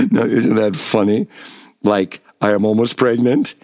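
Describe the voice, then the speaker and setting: A man's voice: takes it slowly, no room sound, clean studio sound. Theatrical man in his seventies reading. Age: 70s. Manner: theatrical, swings from hushed low tones to raised outbursts; blunt, profane. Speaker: memoir reader. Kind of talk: dramatic first-person memoir reading.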